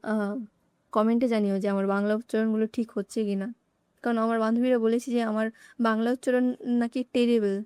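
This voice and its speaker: Chatty mellow-voiced teenage woman vlogging. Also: a little high, little pitch movement, fairly quick, clean tone, no echo. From North Bengal, India. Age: late teens. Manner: chatty, talks straight to viewers, grumbles and jokes. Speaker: student vlogger. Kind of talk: casual vlog narration. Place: walking around a coaching centre building.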